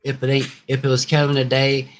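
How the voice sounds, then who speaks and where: A man's voice: medium pitch, monotone, a little fast, a little hiss or hum. Male panel host, mid-range voice, swears freely, joking and blunt. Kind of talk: live panel chat.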